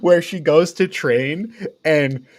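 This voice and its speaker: On a podcast, a co-host with a slightly high voice recaps a film slowly over a dry recording. It's loose, meandering talk peppered with swearing and regular chuckles.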